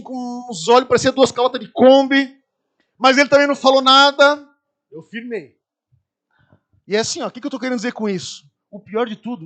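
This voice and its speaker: Brazilian pastor, very high male voice, animated storyteller who acts out scenes from the pulpit. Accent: Brazilian Portuguese. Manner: lively anecdotes, acts out screaming people. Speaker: preacher. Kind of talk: storytelling sermon.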